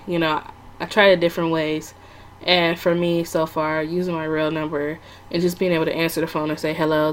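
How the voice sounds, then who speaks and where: A woman's voice: lowish voice, slight background noise. A woman talking casually to her viewers, chatty and rambling, with lots of fillers and restarts. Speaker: vlogger giving sales tips. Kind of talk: casual talk to camera.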